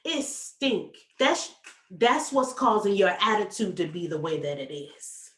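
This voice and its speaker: Animated woman coach in an echoey room. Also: mid-range voice, measured pace, recorded from a distance. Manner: animated, talks to the audience as "y'all", folksy. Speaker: success coach. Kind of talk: motivational talk.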